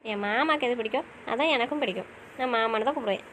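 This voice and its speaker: Actress as a young newlywed wife, high and fast-talking, affectionate and pleading, romantic audio drama. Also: female voice, fairly bright tone, slight background noise, close to an everyday voice.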